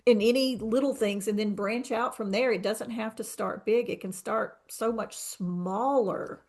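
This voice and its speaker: A woman's voice: fairly high pitch, steady tone, a little slow, darkish tone. A woman co-hosting a podcast who talks earnestly and thinks aloud, often restarting her sentences. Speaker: podcast co-host. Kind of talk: reflective conversation.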